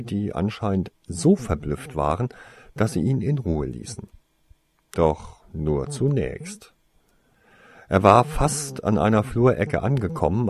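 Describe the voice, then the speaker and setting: A man narrating a story in a measured, expressive reading. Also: deep voice. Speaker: audiobook reader.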